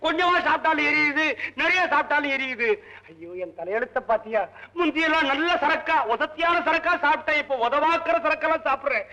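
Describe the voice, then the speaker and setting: A man's voice: very high-pitched, fast talker, bright, forceful tone, highs cut off, heavily acted. An actor playing a comic drunken male servant who whines and wails for liquor, in old film comedy style. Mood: drunken rambling. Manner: whiny, wailing comic complaints. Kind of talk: 1960s Tamil film comedy acting.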